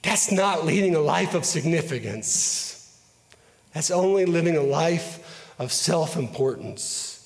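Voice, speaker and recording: A man preaching a sermon, telling a story in an earnest, measured way. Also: fairly high pitch, expressive, big-room sound.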